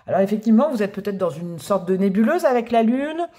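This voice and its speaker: A woman's voice: medium pitch, expressive, quick pace, dark tone. A woman giving a casual tarot card reading to her viewers, chatty and affectionate, calling them pet names and gushing over the cards. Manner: enthusiastic, often exclaims over the cards. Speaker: tarot reader.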